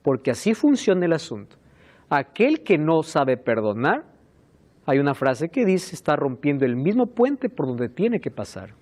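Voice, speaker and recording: A man preaching a sermon as pastor, emphatic and animated, turning aside now and then to call on helpers. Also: a little high, unhurried.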